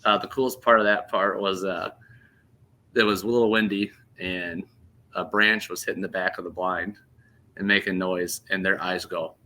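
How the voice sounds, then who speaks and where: Man, 30s, podcast host, casual storytelling, low pitch, bright forceful tone. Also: normal speed. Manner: animated, laughing storyteller.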